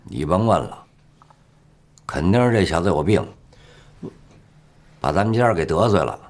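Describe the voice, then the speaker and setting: A man's voice: low-pitched, big pitch swings, moderate pace. An actor playing a blunt, sarcastic retired father-in-law over sixty, in a TV drama. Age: older. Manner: scolding, sarcastic. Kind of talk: TV period drama acting.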